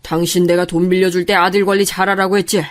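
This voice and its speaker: A woman's voice: fairly low pitch, little pitch movement, quick pace, natural voice. A woman voicing a furious older father who confronts his daughter's in-laws in a narrated story. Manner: stern, confronting.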